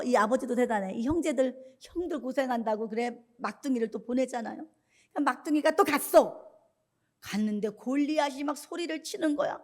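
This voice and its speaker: A woman pastor giving a lively sermon, often putting questions to the congregation. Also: fairly high pitch.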